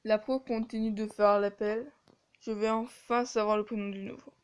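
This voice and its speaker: A woman's voice: medium pitch, fairly even intonation, moderate pace, clear, resonant tone. A woman reading a story game aloud and adding sarcastic asides. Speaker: video game player.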